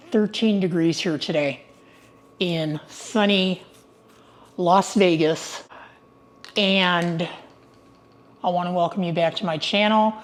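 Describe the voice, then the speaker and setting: An older woman in retirement chatting casually to her viewers from her home, upbeat and prone to digressions. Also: medium pitch. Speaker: retiree vlogger. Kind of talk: casual vlog monologue.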